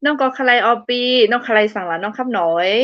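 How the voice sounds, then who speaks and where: A young woman with a high voice hosts a casual live stream, reading viewer comments aloud in a giggly, playful way and laughing often between remarks. The recording has no echo, and the highs are cut off.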